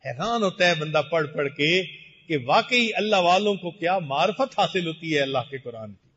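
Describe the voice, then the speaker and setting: An older man giving a measured, deliberate sermon as a Sufi sheikh, slowing for emphatic phrases. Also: a little high, lively intonation, fairly bright tone, husky. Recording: muffled recording in a reverberant hall.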